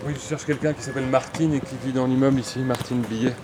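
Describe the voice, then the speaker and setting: A man's voice: medium pitch, fairly even intonation, fast talker, music in the background. A man, a reporter politely and insistently asking to speak with someone at her door. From Belgium. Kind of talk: documentary field reporting.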